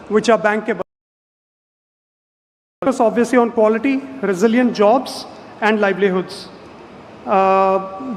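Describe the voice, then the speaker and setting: A man representing a development bank gives a formal, businesslike speech at an investment summit, measured and often pausing to hesitate. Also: high voice. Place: large conference hall. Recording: reverberant hall with faint background noise.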